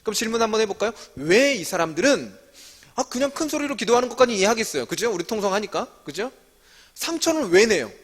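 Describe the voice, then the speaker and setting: A man's voice: high-pitched, sing-song, quick pace. A man leading a Bible study as a sermon, asking his listeners one question after another and answering them himself. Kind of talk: interactive sermon teaching. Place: church hall. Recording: long church-hall reverb.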